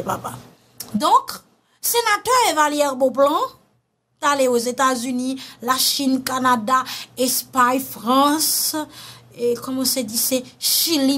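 A woman with a Haitian accent giving animated casual commentary, often calling her listeners brothers and sisters. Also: sits high. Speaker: online commentator.

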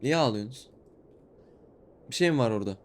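A young man giving low-key let's play commentary, muttering his way through a horror game and reading its dialogue aloud in a flat voice. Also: brisk. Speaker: gaming YouTuber.

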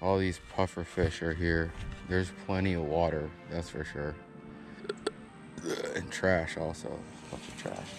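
Recorded on a body-worn wide-angle action camera, a young fishing vlogger on a grassy canal bank offers upbeat, casual commentary and hails his viewers. His deep, gravelly voice stays level and unhurried while music plays under it.

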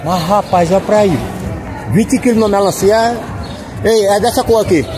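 Male market vlogger, Northeastern Brazilian accent, high voice, repetitive exclamatory patter, busy crowd behind him. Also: normal speed, over music. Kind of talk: casual walk-around market commentary. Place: busy covered open-air street market. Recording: outdoor crowd noise behind.

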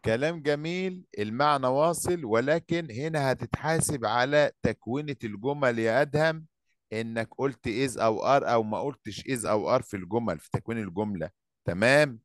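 A man's voice: mid-range voice, brisk, no room sound, clean studio sound. A man with an Egyptian accent teaching an English class, explaining sentences and drilling pronunciation with students. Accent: Egyptian Arabic. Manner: drills pronunciation, prompting students with repeated questions.

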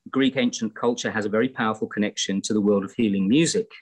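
Low-voiced reflective English man. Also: fairly even intonation, fast, husky. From England. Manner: reflective, rambling with frequent fillers and restarts. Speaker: guest musician. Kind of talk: casual interview chat. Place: home room in Greece, indoors. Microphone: laptop webcam on a video call.

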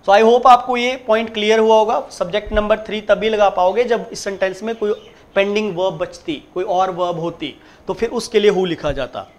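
A man teaching an exam-prep grammar lecture, explaining step by step, repeating his points and reading the example sentences slowly. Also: sits high, steady tone. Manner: emphatic, repeats points and keeps checking in. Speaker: English teacher.

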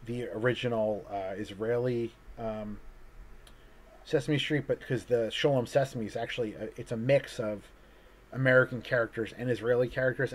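A man, an artist, chatting casually over a video call, rambling and hesitant with lots of fillers and restarts. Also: medium pitch. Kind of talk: casual conversation.

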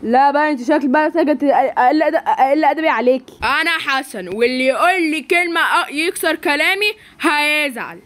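A woman with an Egyptian Arabic accent voicing a menacing male street thug who drags out his threats slowly. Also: high-pitched, animated, a bit bright. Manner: slow, drawn-out threats.

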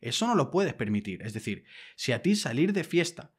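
A man's voice: medium pitch, very animated, normal speed, husky. Guy from ranting on his podcast, blunt, swears a lot, pushy and emphatic. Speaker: podcast host. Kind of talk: casual monologue.

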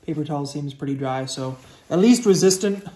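A man in his thirties giving a casual gear review as a volunteer ski patroller, relaxed with many ums while showing items, on a snowy deck and later in a garage. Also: on the high side, brisk, husky. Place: snowy outdoor deck, then indoor garage.

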